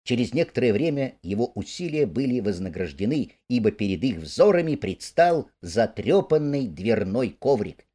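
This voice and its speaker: A man reads a storybook aloud in a mid-range voice. His reading is animated, and his pitch moves freely from phrase to phrase. He narrates in an expressive, storytelling manner. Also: moderate pace, hardly any pauses.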